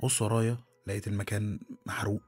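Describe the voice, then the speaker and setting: An Egyptian man narrates a first-person horror story at a rapid clip. His voice is low, husky and gravelly. He tells it tensely, stumbling over words, with faint music playing behind. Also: little pitch movement, a little mellow. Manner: tense, dramatic, with repeated restarts.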